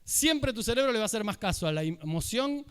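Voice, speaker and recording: A man with an Argentine accent giving an animated, humorous conference talk, acting out quoted dialogue. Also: high-pitched, fast, clean tone. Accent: Argentine Spanish. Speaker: conference speaker. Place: large university lecture hall. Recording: reverberant hall sound.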